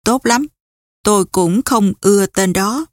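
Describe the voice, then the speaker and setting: A woman reading a calm, terse middle-aged husband who speaks slowly and evenly, in an audiobook. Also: mid-range voice, no room sound, clean studio sound, lightly acted. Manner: calm, slow, level.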